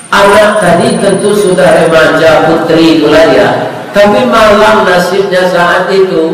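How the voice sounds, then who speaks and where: A man's voice: sits high, fairly even intonation, unhurried. A middle-aged man preaching in a mosque, joking with the congregation and telling a moving story. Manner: folksy, jokes with the congregation, tells a moving story. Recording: distant echoey mosque hall recording.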